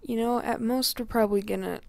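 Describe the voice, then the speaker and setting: A young woman with a hoarse voice from a cold, rambling through casual gameplay commentary and often dropping to a whisper. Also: fairly high pitch, a little fast, darkish tone, dry recording. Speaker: gaming channel host.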